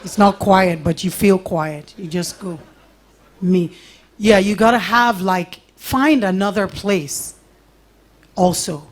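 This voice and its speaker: A middle-aged woman with a Nigerian accent speaks to an audience at a live talk. Her voice sits at an ordinary middle pitch, and she tells her stories with animation, acting out little exchanges and laughing along the way. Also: slow pace. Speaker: invited speaker.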